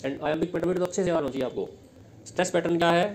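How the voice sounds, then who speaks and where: A man with an Indian accent giving an exam-prep lesson, asking questions and answering them himself, reading English lines slowly. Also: fairly high pitch, slight background noise, rough recording. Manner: explains in Hindi, reads English lines slowly. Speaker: teacher.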